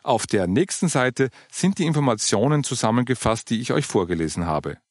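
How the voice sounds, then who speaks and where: A man reading the part of a calm older churchgoing woman who patiently explains her funeral plans. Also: medium pitch, fairly quick, dry recording, clean studio sound, lightly acted. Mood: explaining.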